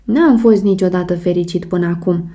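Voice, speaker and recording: A woman's voice: on the low side, dark tone, lightly acted. A woman narrator voicing an impulsive young husband who is ardently in love and pleading. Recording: muffled audiobook recording.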